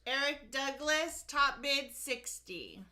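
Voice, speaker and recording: A woman's voice: high-pitched, lively intonation, takes it slowly, sharp tone. A woman calling bids in an auctioneer's manner, announcing amounts and countdowns in short clipped phrases.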